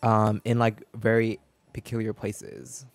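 A young man chatting casually while streaming a game, animated and full of slang. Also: on the low side, slow pace, gravelly, no room sound, soft background music. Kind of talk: casual gaming stream chat.

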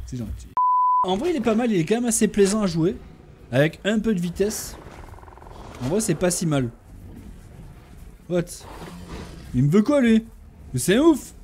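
A young man calls out his game as he plays, excitable and full of slang, often shouting at the other players. His voice sits high and leaps around a lot. A faint noise hums behind him. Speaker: gaming streamer. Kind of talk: live gameplay commentary.

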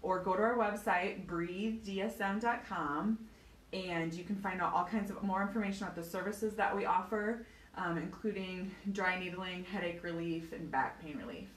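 Her voice sits on the low side and comes at a normal speed, picked up from a distance by a phone camera that someone else is holding a few feet away. The owner of a small physical therapy clinic, she is chatty and bubbly as she gives a casual walking tour of the indoor hallways and treatment rooms, and the roomy audio carries a faint hum.

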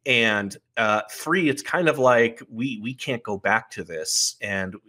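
Male podcast guest, sharp and bright timbre, numbers off his points with sardonic bite. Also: medium pitch, animated, takes it slowly. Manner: argumentative, lays out points one by one, sardonic. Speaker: podcast guest, political commentator. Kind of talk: casual podcast conversation.

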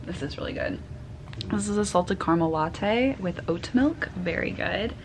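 A woman's voice: on the low side, expressive, normal speed. A young woman talking casually and cheerfully into a handheld camera while traveling, with lots of fillers. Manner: chatty, upbeat, filler-heavy. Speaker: vlogger. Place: car and outdoors, on the move. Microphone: handheld camera or phone. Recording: noisy handheld recording, car noise.

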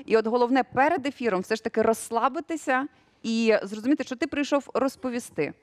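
Жінка-продюсерка новин у студійному інтерв'ю, сухий звук. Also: female voice, on the high side, fast talker, dry recording. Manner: relaxed, chatty, with many fillers and occasional laughs. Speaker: news producer, studio guest. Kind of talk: casual studio interview.

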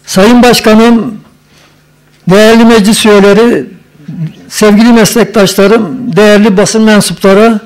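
A man with a high, light voice addresses a council from the lectern, his words carried by a podium microphone. He moves between formal, ceremonious greetings and teasing, joking remarks to the people in the room. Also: smooth, low-quality recording. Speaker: commission representative reading a report to a council. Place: meeting hall of a professional chamber council.

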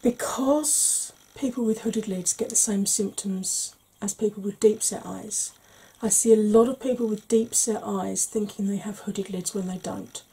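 Speaking close to a desk webcam in a small home room, a makeup vlogger in her forties explains a makeup tutorial in a hushed ASMR style, slow, gentle and patient. Her medium-pitched voice is warm, mellow and very breathy, slipping into whispers, and the recording is rough.

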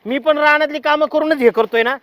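A man's voice: very high-pitched, brisk, fairly bright tone, dry recording. An actor playing a bossy village husband who nags and barks repeated orders at his wife. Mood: scolding. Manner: nagging, barking orders, repeats words. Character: bossy scolding village husband, middle-aged. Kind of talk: village short-film acting.

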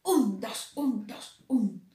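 A woman voicing a sporty, energetic hare in a storybook reading, with an energetic, chanting manner. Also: fairly high pitch, very slow. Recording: roomy echo.

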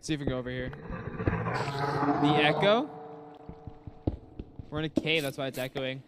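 A man streaming a game and talking quietly, his voice echoing as if from inside a cave. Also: mid-range voice, steady tone, moderate pace, very noisy. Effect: in-game cave echo on his voice. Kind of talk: casual live gameplay chat.

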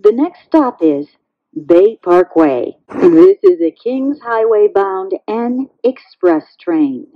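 Slow woman's voice over a train intercom. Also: mid-range voice, very animated, no room sound. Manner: slow, measured, evenly spaced phrasing. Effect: played over a train intercom speaker. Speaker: transit announcer. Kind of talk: recorded station announcements. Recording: dull lo-fi loudspeaker sound.

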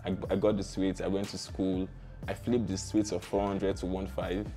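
A young adult man with a Nigerian accent, a tech founder and interview guest, tells relaxed stories in informal slang from his seat in a small curtained indoor studio. He has a low-pitched, warm, level voice at a moderate pace, with soft music behind.

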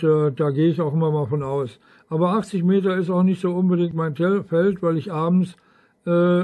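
Over tinny audio, a man whose voice is a little high and narrow makes rambling, casual conversation as a ham radio operator, regularly finishing remarks with tag questions.

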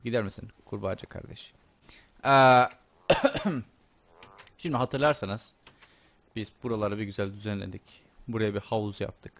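A man's voice: on the low side, fairly even intonation, moderate pace, pauses often, a bit bright. A young man giving casual, joking commentary while playing a game, chatting to himself and swearing playfully. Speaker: gaming YouTuber. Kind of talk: casual Let's Play commentary.

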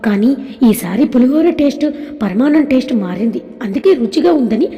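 A woman voicing an elderly grandfather who speaks softly and affectionately. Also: a little high, lively intonation, fairly quick, in a large hall, lightly acted. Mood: gentle. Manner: soft, affectionate speech. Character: elderly grandfather, gentle and emotional.

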